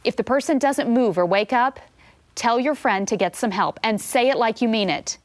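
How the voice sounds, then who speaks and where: A woman giving scripted CPR instruction, calm and clear, coaching step by step. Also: a little high, moderate pace.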